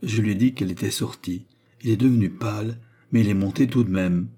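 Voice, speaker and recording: A man voicing a male servant spy reporting plainly, in a low, husky voice. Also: a little fast, dark tone. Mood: matter-of-fact.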